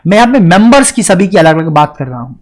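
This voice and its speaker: A man teaching English grammar in a classroom lecture style, asking and answering his own questions and reading example sentences slowly. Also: sits high, very animated. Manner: explains step by step, often asks and answers his own questions; addresses students directly, stresses points with "ध्यान रखिएगा".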